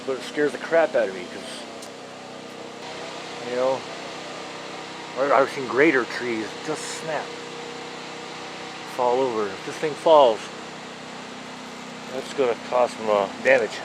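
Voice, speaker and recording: Guy doing a casual outdoor vlog, kinda musing, plain talk, noisy ambient hum behind him, average pitch. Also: slow, pauses often. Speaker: vlogger. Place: outdoors around a home after a storm.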